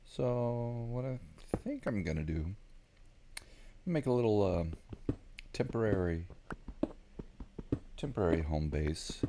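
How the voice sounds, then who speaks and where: A man with a Southern American drawl talks through his game in a loose, rambling way, full of ums as he works things out. His voice sits very low with a rough, gravelly texture. A faint hiss runs under the recording. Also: expressive, slow, long pauses. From Southern United States. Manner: rambling, thinking aloud with many ums. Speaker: gaming video creator. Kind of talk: casual gameplay commentary.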